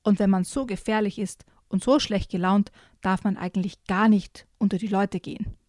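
Woman doing a grouchy storybook badger, slow snappish delivery, mellow dry voice. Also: medium pitch, fairly even intonation, dry recording, natural voice. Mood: grumbling. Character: grumpy rude male badger.

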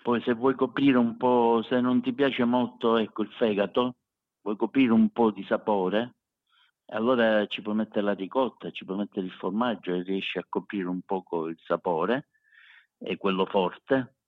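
A man's voice: fairly low pitch, fairly even intonation, a little slow. A man with a Sicilian accent chatting casually as an interview guest, emphatic and fond of repeating words to drive a point home. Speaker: street food cook, interview guest. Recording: echoey room, dull lo-fi sound.

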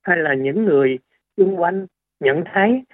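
A man's voice: fairly high pitch, expressive, a little slow, no echo. A man, a doctor explaining things on a radio interview, hesitant with many fillers and restarts. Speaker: doctor guest. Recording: tinny phone-like radio line.

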